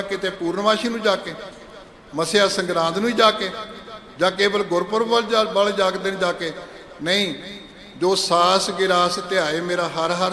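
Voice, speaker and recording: A man preaching a sermon in a large gurdwara hall. He chants scripture verses slowly and then explains them in conversational speech. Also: high-pitched, pushed and bright. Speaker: Sikh preacher giving katha. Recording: echoey hall with long reverb.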